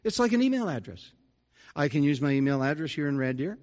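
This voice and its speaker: In an echoing church hall, a middle-aged pastor preaches earnestly and conversationally, adding folksy asides. He speaks fast in a fairly high, sing-song voice that still has a darkish tone.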